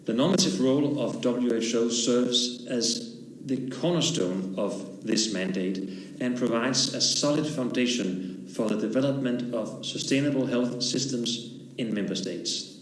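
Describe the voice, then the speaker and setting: A man's voice: medium pitch, a little slow. A man from Denmark reading a formal, scripted podium speech as a national delegate. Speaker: national delegate addressing an assembly. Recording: echoey room, faint background noise.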